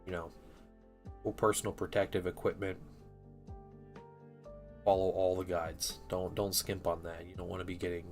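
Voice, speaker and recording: A man's voice: sits low, flat delivery, normal speed, pauses often, faint music behind. A man in his thirties chatting casually on a live stream, rambling a little as he reads viewer comments aloud and works on his models. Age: 30s. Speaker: live-streaming miniature painter.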